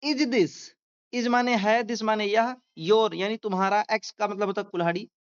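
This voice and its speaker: A man teaching a class, reading each English line slowly and explaining it word by word, often checking with a quick question tag. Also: high-pitched, fairly even intonation, clean tone, lo-fi sound.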